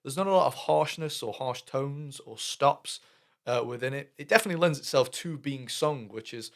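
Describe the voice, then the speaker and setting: Over faint background music, a young British guy talks casually in a reaction video, thinking aloud. He has a mid-range voice at a normal speed. His commentary is full of fillers and false starts.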